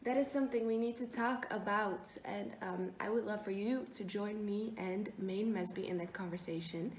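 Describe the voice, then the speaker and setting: A woman's voice: mid-range voice, moderate pace. A young woman talking to camera in a casual vlog, chatty and upbeat, with lots of fillers. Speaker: vlogger and radio host. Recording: noisy camera audio.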